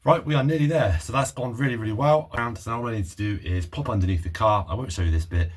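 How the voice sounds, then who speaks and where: A man's voice: on the low side, fast, over music. A man talking casually through a car repair in his garage, chatty and a little unsure of himself as he thinks aloud. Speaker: car restoration vlogger. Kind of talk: casual workshop vlog commentary. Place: home garage, under a car.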